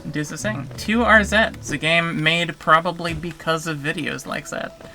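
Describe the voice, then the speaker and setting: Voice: mid-range voice, unhurried, sharp tone. A game streamer chatting casually while playing, rambling with playful, self-aware asides. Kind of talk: casual live-stream commentary.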